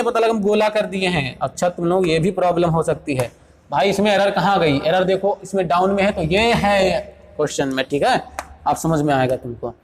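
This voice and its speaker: A man teaching grammar for competitive exams, explaining in Hindi in a brisk, quizzing manner. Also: sits high. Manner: brisk, repeats "देखो भाई" and quizzes students; reads English sentences slowly, explains quickly in Hindi. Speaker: English teacher. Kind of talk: exam-prep grammar lesson.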